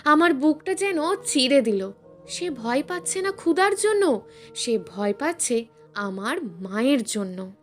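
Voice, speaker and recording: A woman's voice: high voice, very animated, unhurried. A woman storyteller reading a scripted first-person family drama in an earnest, emotional way. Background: soft background music.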